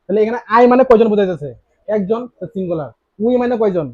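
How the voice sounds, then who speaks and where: Male tutor, high pitch, keeps firing questions at the class, dry room. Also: lively intonation, quick pace, no room sound. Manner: asks students many rhetorical questions; repeats key words. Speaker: teacher. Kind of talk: classroom grammar lesson. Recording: dry, slightly dull lo-fi sound.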